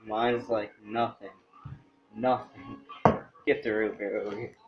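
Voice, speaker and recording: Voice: mid-range voice, little pitch movement, a little slow, over loud music. Young vlogger laughing in an echoey kitchen. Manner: goofy, laughs a lot, teasing. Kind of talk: casual joking chat. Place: home kitchen. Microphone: camera mic across the room. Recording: echoey, distant, muffled and noisy.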